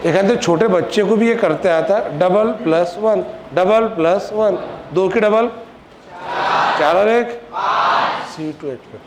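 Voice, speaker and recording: A man teaching a chemistry class in a classroom, firing repeated questions at students and scolding them when they are slow to answer. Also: high-pitched, crowd noise. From Maharashtra, India. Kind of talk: classroom lecture. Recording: noisy classroom recording.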